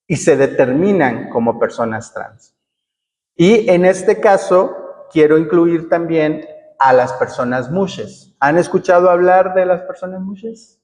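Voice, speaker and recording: A Mexican woman leads a workshop, explaining each point and pausing to check that her listeners follow. Her voice carries a long reverb, as if she is speaking in a large hall. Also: lowish voice, darkish tone. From coast of Oaxaca, Mexico. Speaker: workshop facilitator. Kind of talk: teaching a workshop.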